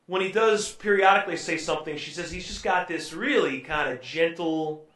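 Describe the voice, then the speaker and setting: A man's voice: a little high, a bit bright. A man preaching a sermon and retelling a story in a conversational way, with frequent ums and uhs. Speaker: pastor. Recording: echoey room, voice from far off.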